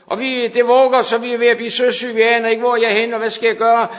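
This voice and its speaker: A man preaching a fervent sermon to his congregation, sometimes dropping to hushed intensity. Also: very high-pitched, little pitch movement. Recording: dull sound in a long-reverb hall.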